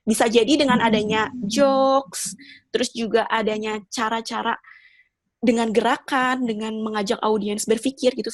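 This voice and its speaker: A woman's voice: a little high, dry recording. A woman speaking as a public speaking trainer, addressing learners informally in a conversational, encouraging manner with rhetorical questions.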